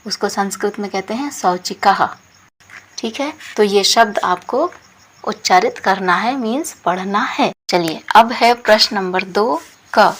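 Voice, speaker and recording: Slow patient woman teaching word meanings. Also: mid-range voice. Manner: slow, patient, repeats each word then explains. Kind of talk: slow spoken lesson explaining word meanings.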